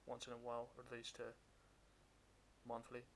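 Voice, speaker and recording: A man talking through a face mask, hosting a casual reaction commentary in a halting, hesitant way. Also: mid-range voice, monotone, creaky, fairly bright tone. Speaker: reaction video host. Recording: hissy, noisy recording.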